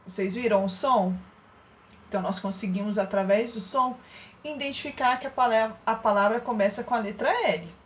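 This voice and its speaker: A primary school teacher with a mid-range voice and normal speed gives young children a remote lesson, sing-song and coaxing. She asks her pupils many check-in questions and demonstrates sounds in an exaggerated, loud way.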